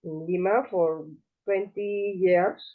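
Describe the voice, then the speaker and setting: Female student, very slow and hesitant, tinny video-call audio. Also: fairly low pitch, fairly even intonation. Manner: hesitant, halting answers.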